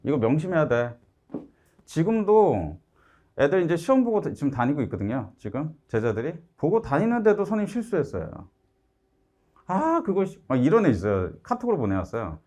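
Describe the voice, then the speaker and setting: A middle-aged man lecturing on math, with a pitch that swings widely up and down. He keeps checking in with his students and sounds direct and coaxing. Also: a little fast. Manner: lively, keeps asking "알았죠?" to check understanding; acts out students' complaints in a raised voice. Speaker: math instructor.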